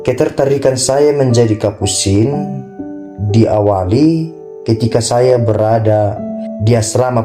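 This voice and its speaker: Young friar, fairly low voice, friendly earnest testimony over guitar music. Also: male voice. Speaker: Capuchin friar. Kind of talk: personal vocation testimony.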